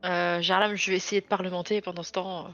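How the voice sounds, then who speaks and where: A woman's voice: on the low side, flat delivery, quick pace, a bit bright, muffled recording, faint music behind. A woman playing a tabletop role-playing game, moving between casual chat and improvised speech as her character.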